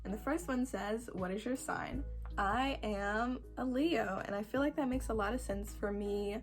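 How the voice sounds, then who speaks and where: Young woman, early twenties, croaky voice, casual video chat, rambling, self-deprecating, dramatic emphasis, faint music behind. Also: fairly high pitch, normal speed. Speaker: video creator answering follower questions.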